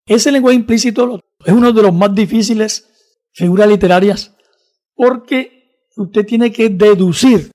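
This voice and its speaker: High-voiced guy explaining bible verses, slow and careful. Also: mellow. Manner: measured, explanatory, reads scripture slowly. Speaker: Bible teacher. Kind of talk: Bible study discussion.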